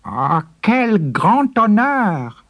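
A man's voice: high voice, sing-song, very slow, gravelly, fairly bright tone, slightly rough, no room sound, studio quality, pitched above the performer's own voice, heavily acted. A man putting on the voice of a crafty, fawning peasant farmer in a storybook. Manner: overly polite, fawning. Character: crafty, bowing, obsequious male peasant farmer.

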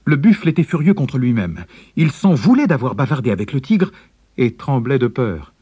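A man narrating a storybook in a measured, expressive way. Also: mid-range voice, slightly rough, no echo, clean studio sound.

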